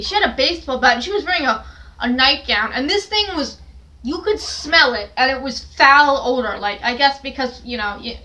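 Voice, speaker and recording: A woman's voice: high-pitched, sharp tone, a little hiss or hum, low-quality recording. A young woman telling a story on camera in her bedroom, rambling with many fillers and restarts. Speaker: storytelling vlogger. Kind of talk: casual spoken storytelling. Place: small cluttered bedroom, indoors. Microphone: camera at a distance on a stand.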